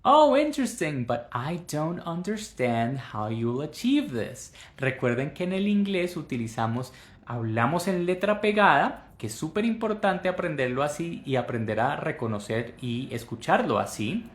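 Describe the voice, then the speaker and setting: A man from Colombia teaching English in Spanish, slowly modeling English phrases and repeating them for learners. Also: a little high, animated, reverberant. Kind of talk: Spanish-language English lesson.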